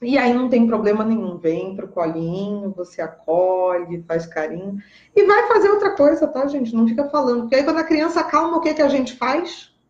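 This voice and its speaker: Woman, Brazilian Portuguese accent, parenting educator, fairly high voice, emphatic chat, roomy dull recording. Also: expressive, brisk, darkish tone. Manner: chatty, emphatic, often checks in with "tá?". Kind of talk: casual advice talk to parents.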